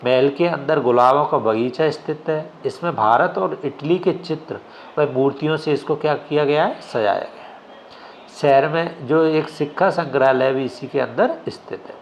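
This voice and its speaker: A man's voice: fairly high pitch, normal speed, a little hiss or hum. A male exam coaching teacher giving a classroom lecture. He keeps asking questions and answering them himself, often checking with "ठीक है?".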